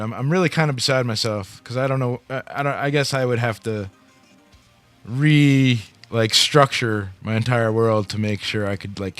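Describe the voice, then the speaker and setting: A man hosting a radio show in casual chat, talking in a heavily profane, slangy music-fan way. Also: medium pitch.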